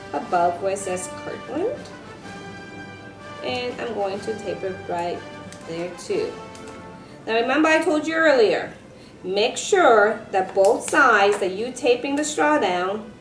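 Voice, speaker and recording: A woman giving a step-by-step craft lesson for children, speaking like a bright kids' presenter and teacher. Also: fairly high pitch. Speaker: elementary science teacher presenting a craft tutorial. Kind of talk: step-by-step instructional demonstration for children. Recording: roomy echo with music behind.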